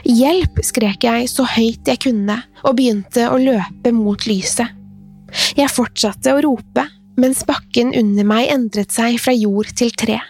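A woman's voice: fairly high pitch, darkish tone. A woman reading a scripted first-person horror story in a tense, suspenseful way. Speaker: narrator. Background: faint music.

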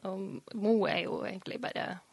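Young north norwegian woman chatting in an interview, bit of vocal fry, dry sound. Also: mid-range voice, fairly even intonation, a little mellow, no room sound. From Mo i Rana, northern Norway. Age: 20s. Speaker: interview guest, local journalist. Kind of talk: casual conversational interview.

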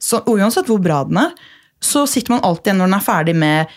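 Excitable Norwegian woman chatting. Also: medium pitch. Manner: excitable, gushing, swears a lot. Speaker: podcast host. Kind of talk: casual chat.

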